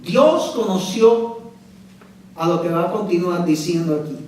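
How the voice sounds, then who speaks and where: A man's voice: sits high, expressive, a little slow, a little mellow. A man preaching a sermon as pastor, emphatic and often asking the congregation questions. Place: church sanctuary. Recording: echoey church hall from far off.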